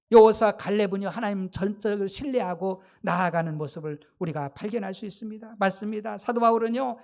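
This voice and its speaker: Emphatic Korean pastor preaching a sermon. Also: mid-range voice. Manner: emphatic preaching, rhetorical questions to the congregation, exclamations.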